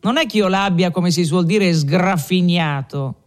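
A man playing a jovial young peasant, loud and exuberant. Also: high voice, a little slow, faint music behind. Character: cheerful young male village peasant, boastful.

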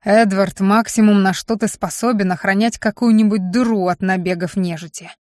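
A woman's voice: mid-range voice, fairly even intonation, moderate pace, a little mellow, dry recording, studio quality, lightly acted. A woman reading an audiobook and voicing a fanatical, self-satisfied male mage who rants about gaining power. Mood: fanatical boasting. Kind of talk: audiobook character voice.

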